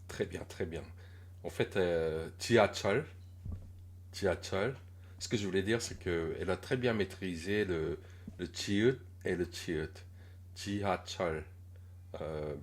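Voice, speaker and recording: A man giving a casual pronunciation lesson, coaching a learner with gentle critique and many hesitant filler pauses. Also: low-pitched.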